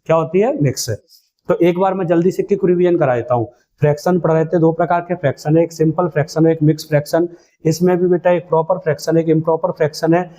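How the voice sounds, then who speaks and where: Male maths tutor, mellow and a bit high, drills students with call-and-response. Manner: call-and-response drilling, asks then answers himself; calls students "beta" and "bhai". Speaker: maths teacher. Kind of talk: exam-prep maths lesson.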